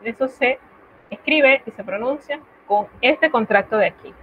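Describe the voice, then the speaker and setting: This woman's voice sits on the high side and she takes her time, guiding a French lesson step by step and articulating each example with care. It's a recorded online class, captured in thin, phone-like lo-fi sound with a bit of background noise.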